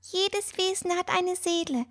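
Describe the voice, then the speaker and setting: A woman voicing a tiny, timid male winged creature with a squeaky, anxious voice in a storybook. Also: a little slow, sharp tone, heavily acted. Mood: hushed. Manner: anxious, urgent.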